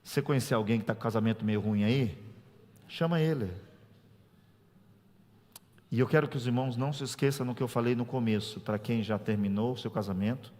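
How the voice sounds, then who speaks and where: Animated Brazilian pastor in a church. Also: male voice, mid-range voice, a little fast, long pauses. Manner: animated, swings from soft asides to loud preaching peaks; joking, conversational with the congregation. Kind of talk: teaching sermon. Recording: long reverb of a church hall.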